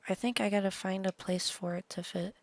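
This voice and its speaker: Speaking briskly in a mid-range voice with fairly even intonation, a woman streams a game and rambles in a loose, chatty way. She swears occasionally and trails off into half-whispered asides.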